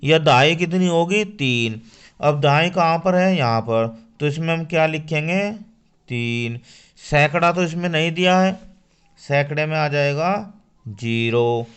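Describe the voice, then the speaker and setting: Male maths teacher, slow and deliberate, smooth clear voice, talks to children, asks and answers his own questions. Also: on the high side, fairly bright tone. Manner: addresses children directly. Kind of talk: classroom maths lesson.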